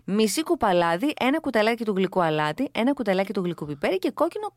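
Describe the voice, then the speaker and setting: A woman's voice: mid-range voice, big pitch swings, no echo, studio quality. A woman co-hosting a morning show, chatting casually and talking through recipe steps. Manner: chatty, measured when listing recipe steps. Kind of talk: casual chat and recipe presenting.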